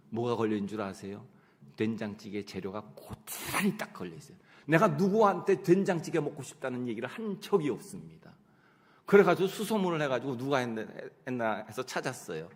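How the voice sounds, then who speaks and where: A middle-aged man preaching a sermon, telling personal stories in an animated way and acting out his own prayers and conversations. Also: mid-range voice. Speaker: pastor. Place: church sanctuary. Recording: long church hall reverb.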